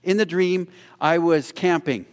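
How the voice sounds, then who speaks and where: A male preacher from Canada giving an animated sermon, often repeating words and growing louder when he urges the listeners. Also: fairly high pitch, unhurried, smooth, in a large hall. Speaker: guest preacher.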